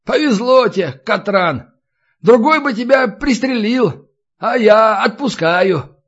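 A man's voice: sits high, lively intonation, a little slow, husky, dull audio, pitched above the performer's own voice, heavily acted. A man voicing a cocky young scavenger who teases and bargains with swagger. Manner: swaggering, teasing.

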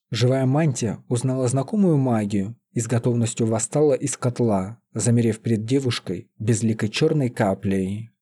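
A man calmly reading a fantasy story aloud as an audiobook narrator. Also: medium pitch, husky. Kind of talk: scripted narration.

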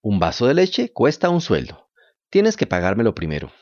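A man's voice: medium pitch, huge pitch swings, moderate pace, darkish tone, dry recording, muffled recording. A man voicing a stern farmer who bargains bluntly, in a storybook reading. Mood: bargaining. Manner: blunt and businesslike.

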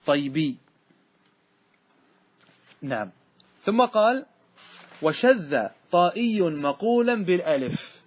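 Middle-aged guy teaching grammar, husky voice, keeps asking the class questions, stretches out words. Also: a little high. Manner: questioning, repeats and drawls out example words. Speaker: religious scholar teaching grammar. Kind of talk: classroom lesson with questions to students.

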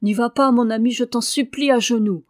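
A woman's voice: medium pitch, slow pace, no room sound, studio quality. A woman reading aloud and voicing a desperate man who pleads with a friend in urgent, commanding tones. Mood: pleading.

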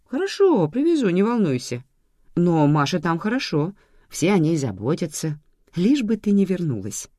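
A woman voicing a calm, matter-of-fact grandmother in an audiobook, placating and dismissive. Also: fairly low pitch, normal speed, no echo, clean studio sound, voice pushed up. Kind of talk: audiobook reading.

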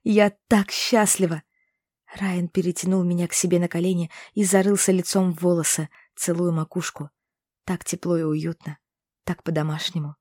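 A woman narrating a first-person fantasy romance audiobook in an expressive, intimate way. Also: on the low side, fairly quick, no room sound, clean studio sound.

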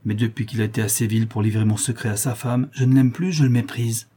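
A proud young woman with a haughty, cutting tongue, voiced by a man reading a novel aloud. The voice sits dark and a bit husky, pitched somewhat above his own low tone. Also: steady tone, fast talker.

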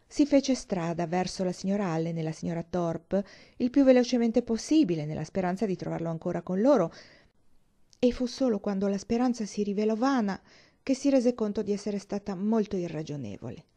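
A woman reading a classic novel aloud with expressive storytelling. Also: medium pitch, brisk. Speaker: reader.

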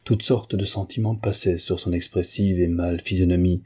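A man narrating a classic novel as an audiobook, in a measured, expressive reading. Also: sits low, slightly rough.

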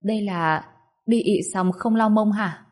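A woman voicing a calm, reassuring father in an audio story, giving short instructions. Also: mid-range voice, fairly quick, slightly rough, lightly acted.

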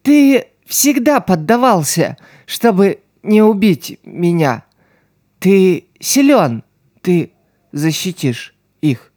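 A man reading an audiobook voices a wounded, tough street girl who speaks weakly and slowly. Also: high-pitched, sing-song, darkish tone, no echo, clean studio sound, pitched above the performer's own voice, heavily acted. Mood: weak, resigned. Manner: weak, slow, strained speech.

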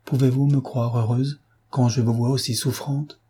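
A man voicing a calm, consoling elder sister. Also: mid-range voice, breathy edge, natural voice. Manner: measured, consoling. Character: composed elder sister, gentle and reasoning.

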